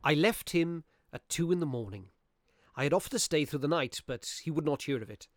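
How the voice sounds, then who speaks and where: For a radio play, an actor voices a practical-minded Victorian gentleman narrating a ghost story in a measured, literary way with grave storytelling. His fairly high voice is expressive and lightly acted, with no room sound.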